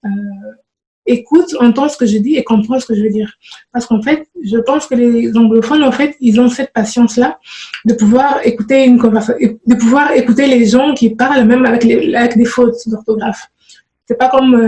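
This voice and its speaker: A woman talks to her viewers in a relaxed, halting way, full of fillers and restarted phrases. Her voice sits a little high but sounds dark and mellow. The recording has a noticeable room echo. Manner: hesitant, many fillers and restarts. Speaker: programming vlogger. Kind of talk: casual spoken advice to viewers.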